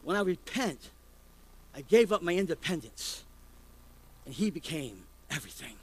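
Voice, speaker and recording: A man's voice: fairly high pitch, very animated, normal speed, husky, rough recording. A man preaching a sermon as pastor, firing rhetorical questions at the congregation.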